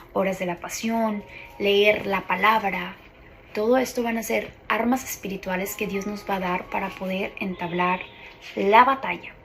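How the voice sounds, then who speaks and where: A woman's voice: mid-range voice, vocal fry, a bit bright, slight background noise, rough recording. A woman, a ministry coordinator giving an earnest, personal faith testimony.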